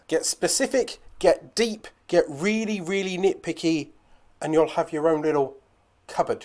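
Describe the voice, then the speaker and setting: A man's voice: on the high side, a little mellow. A man hosting his own video channel, giving chatty advice straight to camera with rambling asides. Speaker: YouTube channel host. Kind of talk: direct-to-camera advice vlog.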